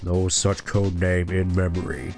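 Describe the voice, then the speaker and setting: A man voicing a stiff male battle robot in a flat, computer-like robotic manner while reading game dialogue aloud. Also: sits low, measured pace, soft background music, voice pushed down.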